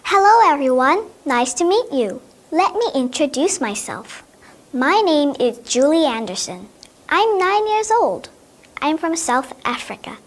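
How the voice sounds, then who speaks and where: A woman introduces herself in a slow, scripted way for learners. Her voice sits high and swings widely in pitch. Each word comes out clearly articulated. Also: sing-song. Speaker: sample speaker in a listening exercise.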